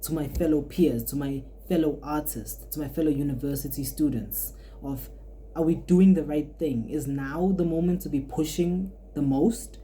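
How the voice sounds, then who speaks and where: Slight background noise sits behind a low, warm female voice at a moderate pace. An art student of twenty, she hosts a podcast where she muses in a rambling, reflective way and keeps restarting her thoughts.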